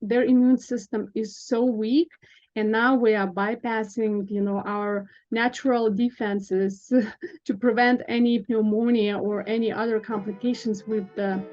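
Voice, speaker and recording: A woman's voice: a little high, fairly even intonation, measured pace, a little mellow, highs cut off, faint music behind. A woman in her forties from Lithuania, a nurse practitioner guest speaking earnestly in a podcast interview, with fillers and small laughs.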